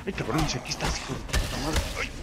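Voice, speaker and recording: A young man with a Mexican accent commenting on his own gameplay, excitable, swearing and yelping when startled. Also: a little high, quick pace, heavy background noise. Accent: Mexican Spanish. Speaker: gaming commentator. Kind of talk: let's play commentary.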